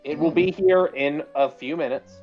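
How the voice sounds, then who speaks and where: A man playing in a tabletop game, excitable, stammering and swearing. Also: on the high side, normal speed, lo-fi sound, faint music behind. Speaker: player.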